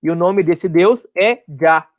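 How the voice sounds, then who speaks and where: A man's voice: high-pitched, slow pace, narrow, tinny audio, soft background music. A man teaching an online class, explaining step by step and often checking that his students follow.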